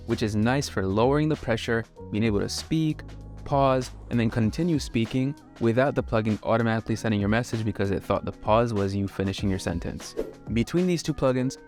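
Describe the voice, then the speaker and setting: A man of middle pitch hosts a tutorial video, reading a scripted walkthrough. He explains each step clearly and in order. Soft music plays faintly underneath. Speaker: video host.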